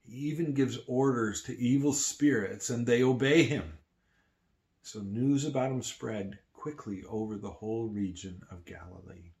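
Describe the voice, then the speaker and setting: A man preaching a sermon to his church, shifting between emphatic lines and hushed ones. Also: mid-range voice, measured pace. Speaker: pastor.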